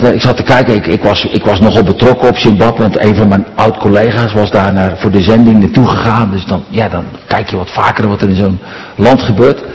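Middle-aged preacher in a reverberant church. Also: male voice, lowish voice, darkish tone. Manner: earnest, rhetorical, with frequent tag questions. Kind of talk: sermon. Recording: long reverb of a large church.

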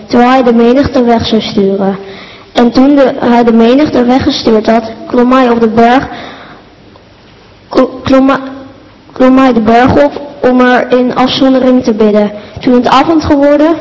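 A woman reads scripture aloud in a high voice, carefully, sometimes stumbling and restarting words. The sound is dull and lo-fi. Long church reverb hangs behind her. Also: darkish tone. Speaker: scripture reader. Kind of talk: Bible reading aloud.

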